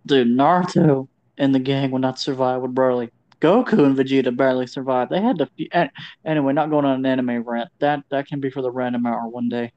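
A man co-hosting a casual podcast, laid-back and chatty, who gets excited when talking about anime. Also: medium pitch, fairly quick. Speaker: podcast co-host. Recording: dull lo-fi sound.

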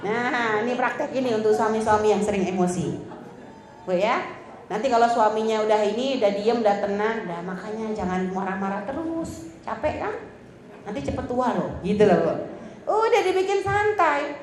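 A woman's voice: on the high side, animated, moderate pace, a little mellow, slight background noise. A woman religious teacher giving a talk to women, chatty and teasing, acting out quoted lines. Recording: roomy hall with faint ambience.

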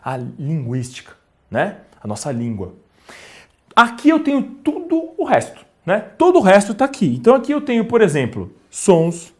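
A male communication trainer leads a video lesson, his pitch rising and falling in a lively, expressive way. He keeps turning to the viewer with questions and acts out little examples as he teaches. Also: normal speed.

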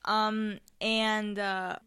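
A woman's voice: medium pitch, flat delivery, extremely slow, sharp tone, smooth. A teenage girl from Spain hosting her podcast, rambling casually with many ums and restarts, a little tired and nervous. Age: late teens. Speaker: podcast host. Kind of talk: casual solo podcast chat.

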